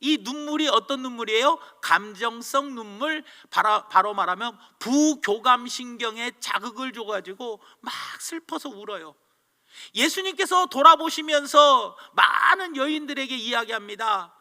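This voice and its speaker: A man preaching a sermon in a very high, piercingly bright voice. He poses rhetorical questions to the congregation and climbs to emphatic shouts. The sound carries a long hall reverb. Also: lively intonation, normal speed. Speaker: pastor.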